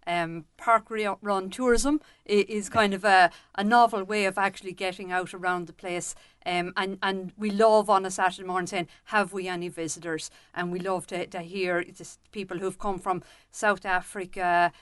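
A woman's voice: medium pitch, fairly even intonation, moderate pace, clear, resonant tone, dry recording, studio quality. A woman with an Irish accent giving chatty, unscripted answers in an interview as a local event representative. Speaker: parkrun representative being interviewed.

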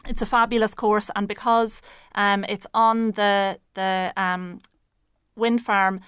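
A woman's voice: medium pitch, flat delivery, slow pace, fairly bright tone, clear, resonant tone, dry recording. A woman with an Irish accent giving unscripted, descriptive interview answers as a local event representative. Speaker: parkrun representative being interviewed.

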